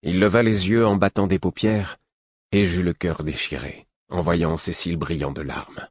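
A man narrating an audiobook in the first person with a measured, dramatic reading. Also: sits low, fairly even intonation, no room sound, clean studio sound.

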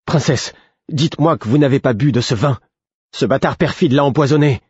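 A man voicing a brash male servant in an audiobook, shouting his accusations melodramatically. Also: mid-range voice, brisk, breathy edge, no echo, lo-fi sound, pitched above the performer's own voice. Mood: alarmed. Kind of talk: audiobook character voice.

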